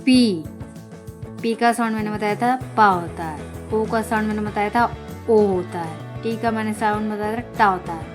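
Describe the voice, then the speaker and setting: A woman teaching children phonics, sounding out each letter slowly and then saying the whole word loudly. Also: mid-range voice, music in the background. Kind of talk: slow phonics lesson for children.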